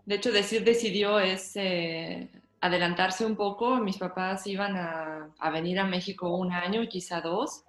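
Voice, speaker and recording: A woman's voice: fairly low pitch, fairly even intonation, a little slow. A woman, a pianist guest, explaining her story thoughtfully and at length in casual conversation. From Mexico, born in Russia. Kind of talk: casual interview chat. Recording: roomy echo.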